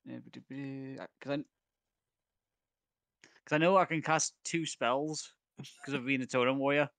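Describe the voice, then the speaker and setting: A man's voice: medium pitch, fairly even intonation, measured pace, fairly bright tone, clean tone, dry recording. A man talking as a player in a tabletop game, rambling and stammering. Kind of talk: casual chat.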